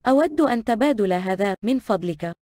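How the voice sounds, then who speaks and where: A woman reading short translated travel phrases in a brisk, plain delivery. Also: medium pitch, expressive, mellow, dry recording, studio quality.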